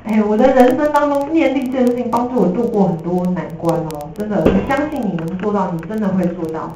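A woman teacher with a Taiwanese Mandarin accent gives a lively, jokey classroom lecture, slipping in English terms. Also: medium pitch, fairly quick, noisy background. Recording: echoey room from a distance.

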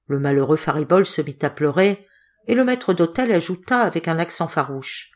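A woman reading a storybook aloud in an expressive, measured manner. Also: fairly low pitch. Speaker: audiobook reader. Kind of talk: storybook narration.

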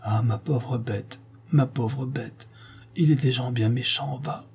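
Guy reading doing a soft tearful ex-con, pleading, husky and dark, a bit higher than his own voice. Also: animated, normal speed. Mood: sorrowful. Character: gentle grieving former convict man.

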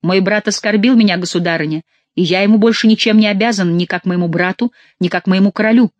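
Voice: medium pitch, quick pace, no echo, dull audio, close to an everyday voice. Reader doing a proud sulky young prince, storybook reading. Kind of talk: audiobook reading.

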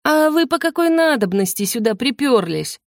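A woman's voice: sits high, very animated, moderate pace, no echo, clean studio sound, voice pushed up. A woman voicing a cheeky, nosy ghost girl who drawls and mocks with theatrical flair. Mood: sly, eager. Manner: mocking, drawling, theatrically plaintive.

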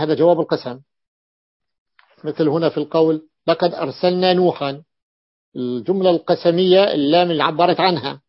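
A man teaching a grammar lesson, who repeats key phrases and asks and answers his own questions. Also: a little high. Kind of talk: classroom lesson explaining a text. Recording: dull lo-fi recording.

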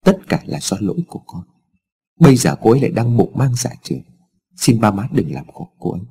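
A man voicing an earnest young son who pleads calmly and firmly, in a storybook reading. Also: mid-range voice, fairly quick, slightly rough. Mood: firm pleading. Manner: calm, firm and pleading.

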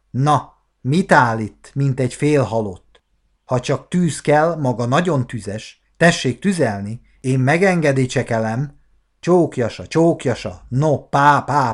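A man voicing a teasing, sarcastic young wife in a storybook reading, with a mocking, drawn-out delivery. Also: medium pitch, lightly acted.

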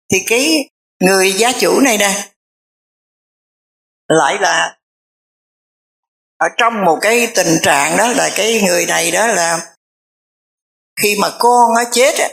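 A Buddhist nun, telling a story in a conversational dharma talk. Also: female voice, mid-range voice, gravelly, fairly bright tone. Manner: conversational, repetitive fillers, drawn-out phrases.

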